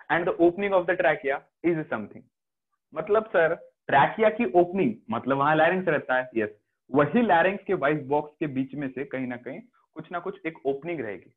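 Indian man teaching biology over a call. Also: a little high. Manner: mixes Hindi and English, asks students checking questions. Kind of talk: online class lecture. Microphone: video call. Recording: phone-like online class audio.

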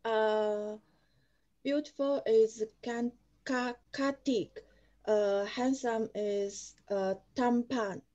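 A woman student giving careful, halting answers in an online class. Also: fairly high pitch, fairly even intonation, dark tone, highs cut off.

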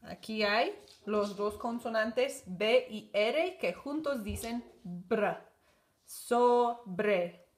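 Woman teacher, very slow, deliberate phonics delivery, a bit high. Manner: slow, deliberate, sounding out syllables.

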